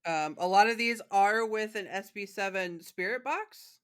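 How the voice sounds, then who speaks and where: A woman from Michigan hosting a podcast in casual chat, talkative and quick to laugh, with plenty of fillers. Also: mid-range voice, clean tone. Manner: chatty, laughs often, many fillers. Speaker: podcast host.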